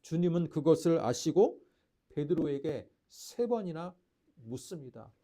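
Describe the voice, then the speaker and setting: Animated preaching man, dark voice. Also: on the high side, unhurried. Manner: preaching with rhetorical questions and acted quotes; swings between loud declarations and near-whispered lines. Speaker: pastor. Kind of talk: sermon.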